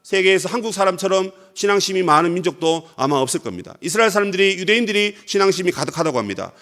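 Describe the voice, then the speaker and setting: A man's voice: high-pitched, lively intonation, fast talker, a bit bright. A Korean man preaching a sermon as pastor, acting out scripture quotes dramatically.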